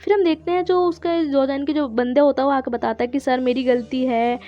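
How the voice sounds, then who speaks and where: A woman's voice: high-pitched, steady tone, a little fast, no echo. Woman racing through a drama recap, chatty, quotes the characters' lines in between, dull lo-fi sound. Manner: chatty, briefly quotes the characters' lines, lots of filler words. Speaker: channel host retelling a drama. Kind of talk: casual plot retelling.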